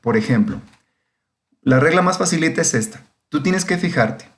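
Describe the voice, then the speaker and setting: A man's voice: a little high, expressive, normal speed. Male teacher, patient step-by-step grammar lecture. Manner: patient, repeats "¿de acuerdo?" to check understanding. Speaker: English teacher. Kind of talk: classroom lecture explaining grammar.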